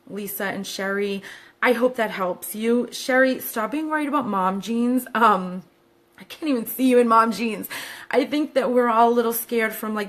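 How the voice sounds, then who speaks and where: A woman's voice: mid-range voice, a bit bright. A woman fashion stylist answering viewer questions in a chatty, upbeat way, with many fillers and side remarks. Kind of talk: casual chat to camera.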